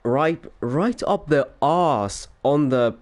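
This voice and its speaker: Fairly high-pitched and animated yet slow, a young Polish man rambles through casual chat on a voice call ahead of commentating a race. His accent blends Polish with Finnish, and he's exhausted from no sleep. He works as a racing league commentator, laughs frequently, and tends to trail off softly.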